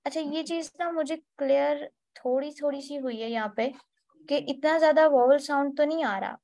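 Woman, high voice, patient step-by-step English tutor on an online class. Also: moderate pace, a little mellow. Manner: explains step by step, spells out letters, mixes in English terms. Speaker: English teacher.

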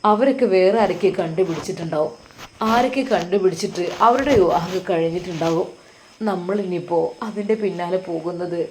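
Woman doing a sad young guy, quiet and withdrawn, soft malabar accent. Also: lowish voice, a little fast, a little hiss or hum, natural voice. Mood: despairing. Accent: Malabar Malayalam. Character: heartbroken young man, quiet and despairing.

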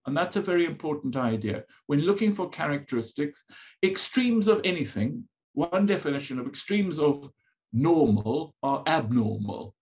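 A man's voice: on the high side, a little mellow, highs cut off. A man with a colonial accent from an upbringing in Africa, lecturing conversationally as a psychologist, asking rhetorical questions and driving points home in short, repeated phrases. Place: indoors, video call presentation with slides.

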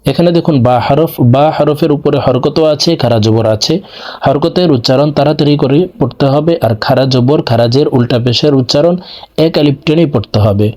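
A man teaching Quran letter pronunciation, drawing out each syllable in drills between quick explanations to viewers. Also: mid-range voice, warm tone. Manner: addresses viewers directly. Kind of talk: recitation lesson.

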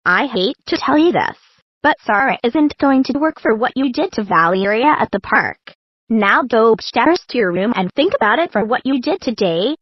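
A stern mother who scolds her misbehaving daughter, voiced by a female synthetic voice. The voice sits a little high and sounds breathy. It comes across dry and slightly dull, like a lo-fi recording. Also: animated, moderate pace, dry recording.

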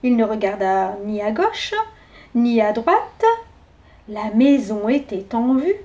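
A woman reads a children's story aloud with lively expression and a high voice. Her telling is animated and warm toward young listeners. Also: slow.

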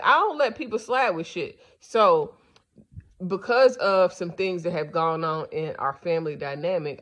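A woman's voice: low-pitched, a bit bright. A woman podcast host giving a casual, rambling monologue, blunt and profane, sleepy and yawning.

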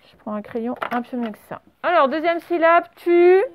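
A woman's voice: high voice, animated, a little fast, fairly bright tone, slight background noise. A woman teaching a primary school dictation, breaking words into syllables and spelling them letter by letter. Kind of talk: classroom dictation lesson. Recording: slightly dull lo-fi recording.

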